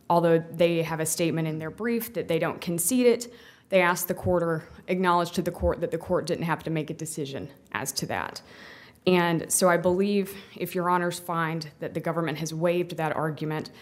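A woman's voice: fairly low pitch, moderate pace. A woman defense attorney giving a formal, careful appellate argument to a panel of judges.

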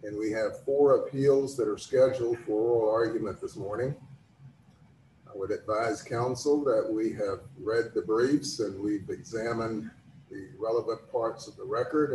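An older man presiding as a judge, making formal procedural announcements in a measured, courteous, orderly manner. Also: lowish voice, a little mellow. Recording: roomy, distant mic with background noise.

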